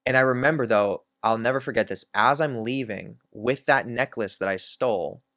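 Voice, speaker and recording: A man's voice: medium pitch, normal speed, a bit bright, no room sound, clean studio sound. A man hosting his own channel, candidly telling a personal story in a reflective way, with many filler words. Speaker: self-help channel host.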